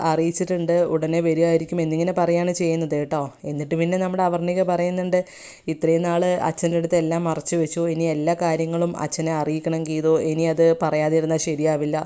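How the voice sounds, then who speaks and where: A woman's voice: deep voice, clear, resonant tone. A woman, hosting a review and retelling a TV serial episode, quoting dialogue as she goes. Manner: steady retelling with frequent quoted dialogue and tag phrases. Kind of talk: fast scripted-style recap narration.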